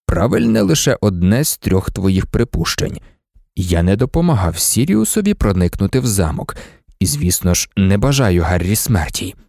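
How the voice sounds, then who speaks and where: A man doing a weary, calm teacher. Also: gravelly, slightly rough, dry recording, studio quality, heavily acted. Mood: measured. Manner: low, measured, controlled.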